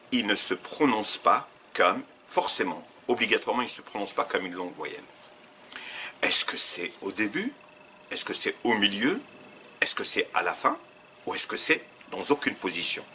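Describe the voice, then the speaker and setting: Lively low-voiced man quizzing learners. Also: a little hiss or hum. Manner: poses each question and repeats the answer choices slowly. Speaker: Arabic teacher. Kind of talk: quiz lesson for learners.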